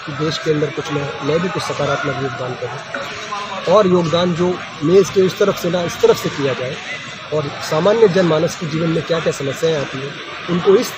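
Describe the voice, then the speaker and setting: A man's voice: a little high, moderate pace. A man answering a reporter's questions at a farmers' meeting, speaking earnestly and formally, sometimes restarting his words. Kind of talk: spontaneous on-the-spot interview. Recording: outdoors with loud background noise. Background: loud outdoor ambience.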